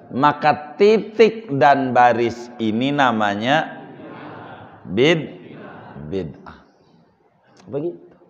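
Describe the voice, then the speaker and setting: Lively preacher man, echoing hall. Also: medium pitch. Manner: lively, teasing, asks the audience questions. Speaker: Islamic preacher. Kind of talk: religious lecture. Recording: dull lo-fi sound in a reverberant hall.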